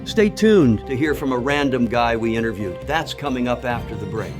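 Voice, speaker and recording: A man's voice: mid-range voice, expressive, normal speed, music in the background, lightly acted. A man playing a parody local news anchor, brash, cynical and bluntly sarcastic. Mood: deadpan. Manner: blunt, sarcastic, foul-mouthed.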